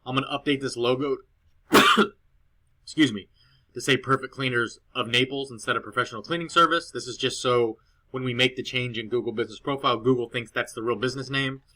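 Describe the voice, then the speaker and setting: A man's voice: medium pitch, fairly even intonation, fast, sharp tone. A man explaining a client report in a loose screen-recorded walkthrough, rambling a little with fillers and restarts, recorded at home on a cheap laptop. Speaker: SEO consultant presenting a client report. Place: girlfriend's house, indoors.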